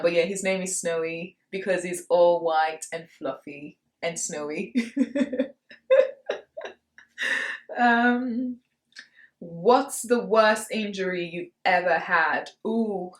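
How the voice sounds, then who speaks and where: A woman in her late twenties from Nigeria, chatting casually through a Q&A for her vlog and laughing between answers. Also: on the low side. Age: 20s. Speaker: vlogger. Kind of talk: casual Q&A chat to camera. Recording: roomy echo.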